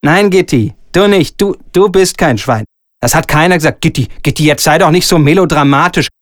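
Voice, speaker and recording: A man reading aloud and voicing a pompous, bullying theatre director who swings between sugary coaxing and shouting. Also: on the high side, fairly quick, no echo, studio quality, natural voice. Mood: ranting, wheedling. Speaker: stage director. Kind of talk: solo reading of a comic radio scene.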